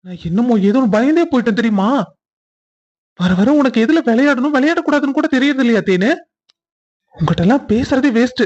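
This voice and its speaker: A performer voicing a young husband in a cartoon story, earnest and quick to scold. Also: medium pitch, animated, darkish tone, muffled recording, natural voice. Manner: stern then tender, scolding. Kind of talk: cartoon voice acting.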